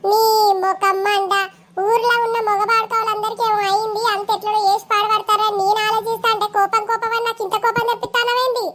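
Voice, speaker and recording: A woman's voice: very high voice, level tone, a bit bright. A woman voicing a bossy village wife in a cartoon, scolding brusquely in a Telangana accent. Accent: Telangana Telugu. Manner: scolding, brusque, rapid-fire. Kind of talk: cartoon voice acting.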